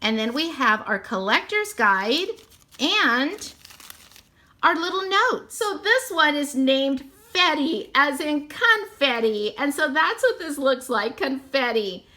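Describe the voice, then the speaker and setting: A woman's voice: sits high, very animated, slow pace, sharp tone. A woman narrating a toy unboxing, gushing sweetly and repeating how cute everything is.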